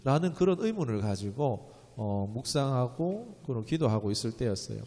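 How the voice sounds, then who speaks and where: A man's voice: mid-range voice, very animated, moderate pace, mellow. A man pastor giving a conversational Friday evening sermon, telling stories and acting out quotes in a raised voice. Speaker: pastor of a small new church. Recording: reverberant church hall.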